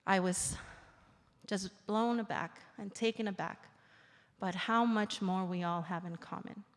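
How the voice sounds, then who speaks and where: A woman in her forties, originally from El Salvador, giving an earnest, reflective formal speech at a public event. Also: medium pitch. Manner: earnest, reflective, slows for emphasis. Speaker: invited speaker. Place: large indoor theater. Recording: reverberant theater hall.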